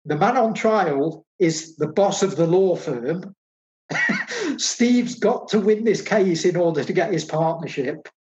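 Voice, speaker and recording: A man's voice: high voice, big pitch swings, takes it slowly, darkish tone, muffled recording. A man co-hosting a casual film discussion, talking enthusiastically and repeating phrases for emphasis. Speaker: film podcast co-host.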